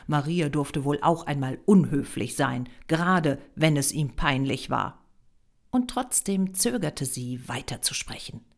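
A woman narrating a novel as an audiobook, expressive and dropping to a whisper in tense passages. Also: low-pitched.

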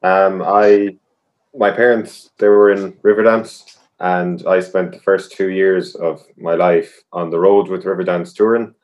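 Young man, deep voice, west of Ireland Galway accent, casual interview talk, dull recording. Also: little pitch movement, a little slow, darkish tone. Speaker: Irish dancer, guest.

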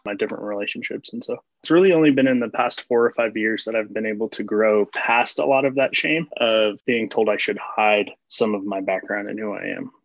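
As a panel guest in a casual reflective discussion, a young man speaks earnestly and openly about personal matters. His fairly low voice has vocal fry and moves a little fast with hardly any pauses, captured in a dull, dry recording with no room sound.

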